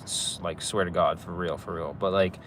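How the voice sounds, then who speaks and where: A young YouTuber with a slight cold, sniffling now and then, hosts a casual live stream on his phone outdoors, across the street from a police station. His voice is deep and fairly bright, steady and moderately paced, and he rambles in a laid-back way, saying "like" and "bro" and laughing easily with viewers, amid slight background noise.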